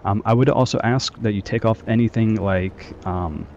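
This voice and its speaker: A man's voice: fairly low pitch, normal speed, darkish tone, lo-fi sound. Give me a man explaining game moves over group voice chat, casual and full of ums, with a faint hiss behind him. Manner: loose, instructive, many fillers. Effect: heard over group voice chat. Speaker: squad trainer.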